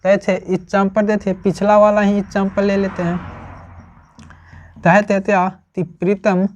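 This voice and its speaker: A teacher giving a grammar lesson, explaining slowly and checking in with the class after almost every phrase. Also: medium pitch, flat delivery, highs cut off, a little hiss or hum. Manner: slow, repetitive, checks with "ठीक है ना?" often.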